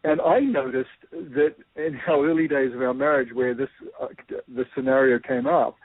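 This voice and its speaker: A guest with a New Zealand accent, his voice medium-pitched at normal speed, explains ideas through a personal story. He's thoughtful and uses many fillers, and the audio sounds tinny, like a phone line.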